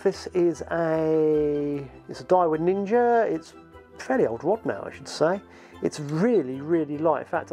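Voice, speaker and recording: A man's voice: a little high, vocal fry. A man in his forties with an English accent, talking casually to camera as he shows fishing gear and how to rig it, recorded seated in a small home studio. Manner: relaxed, chatty, explaining with hand gestures. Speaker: fishing channel host.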